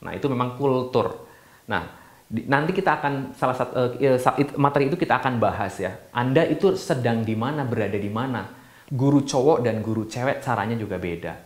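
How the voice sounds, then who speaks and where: A man's voice: mid-range voice, fairly quick. A man who is a yoga teacher, explaining a teacher training course in a chatty, casual way with many fillers and restarts. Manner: chatty, frequent fillers and restarts, self-deprecating asides. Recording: echoey room.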